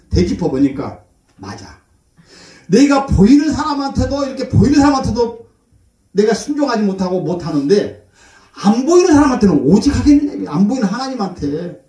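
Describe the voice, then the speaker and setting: A man's voice: sits high, dark tone. A middle-aged man preaching as a pastor, telling stories in a folksy way and acting out other people's voices. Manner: folksy storytelling, acts out his mother's voice. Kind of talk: sermon. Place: church. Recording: echoey church hall, voice from far off.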